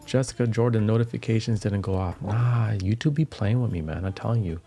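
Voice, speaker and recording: A male livestream music host with a very deep, gravelly voice chats casually over music playing in the background. He's laid-back, slangy, relaxed and chatty, talking a little fast.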